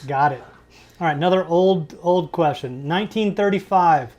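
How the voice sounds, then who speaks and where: A man's voice: a little high, moderate pace, darkish tone, lo-fi sound. A man co-hosting a casual livestream trivia game, reading questions aloud and teasing the chat. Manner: reads questions and teases the chat. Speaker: trivia co-host.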